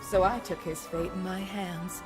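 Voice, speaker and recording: An actress playing a solemn, cold-blooded mage in a video game, speaking in a measured way. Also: female voice, lowish voice, steady tone, music in the background, lightly acted. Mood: grave.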